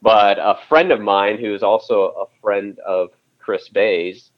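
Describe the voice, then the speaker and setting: A man's voice: on the low side, steady tone, measured pace. A man speaking as a podcast guest over a phone call, telling his story in a conversational way with frequent restarts and "you know". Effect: heard over a phone call. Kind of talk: casual interview storytelling. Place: calling in from home area by phone. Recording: dull lo-fi phone line.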